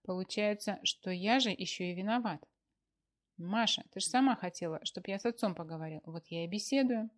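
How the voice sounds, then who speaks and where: A man's voice: high voice, brisk, fairly bright tone. A woman voicing a bewildered, defensive grown son in a read-aloud story. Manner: bewildered, protesting.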